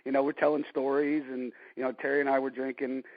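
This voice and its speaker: A man's voice: medium pitch, little pitch movement, quick pace, no echo. A man in his forties, a guest telling stories in a casual interview and filling his talk with "you know". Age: 40s. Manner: rambling storyteller, many "you know" fillers. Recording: dry, dull lo-fi line.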